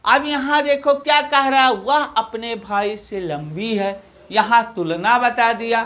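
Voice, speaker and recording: A man with a Hindi accent teaching an English grammar lesson, repeating phrases slowly and answering his own questions. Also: extremely high pitch, bright, forceful tone.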